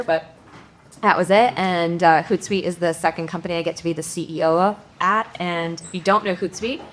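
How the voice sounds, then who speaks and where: A lower-voiced woman in her thirties from Ukraine talks on a conference panel as a company CEO. She is upbeat and drops in joking asides between ums, over a faint hum of room noise. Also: a bit bright.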